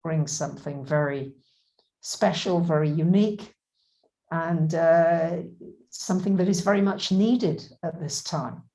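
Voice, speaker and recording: A woman co-hosting a casual live stream as an astrologer, speaking appreciatively in short, halting, measured phrases. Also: low voice, warm tone. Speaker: co-host and astrologer.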